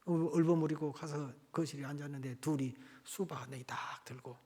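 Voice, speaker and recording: A male pastor preaches in a church, telling a story with a fairly high voice. He swings from loud, pressing lines to hushed asides as he builds the story. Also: fairly even intonation, moderate pace. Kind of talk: storytelling sermon.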